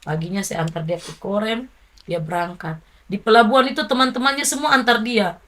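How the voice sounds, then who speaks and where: A middle-aged woman speaks in an interview, her voice soft and grieving. She tells her story in a slow, reflective way, pitched in the middle range for a woman. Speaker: interviewee, mother of a fallen soldier. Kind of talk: emotional interview recollection.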